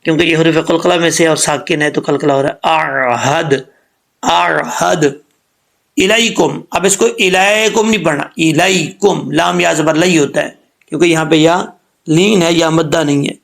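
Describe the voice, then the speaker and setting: Guy teaching quran recitation, kinda high gravelly voice, explains step by step and draws out the sounds slow. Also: fairly even intonation, a bit bright. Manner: patient step-by-step explanation, slowing down to model sounds.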